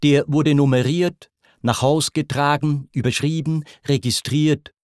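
A man reciting epic verse as narrator, with a measured, deliberate delivery. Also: on the high side, steady tone, darkish tone, no echo, clean studio sound.

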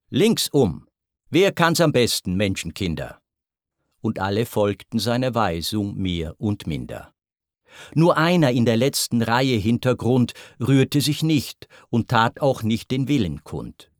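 A man reads a verse tale at a slow, measured pace, his pitch rising and falling widely as he takes on each character. The sound is dry and close. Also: no room sound. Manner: voices the characters with shifts in pitch and loudness. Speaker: narrator. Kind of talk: dramatic verse reading.

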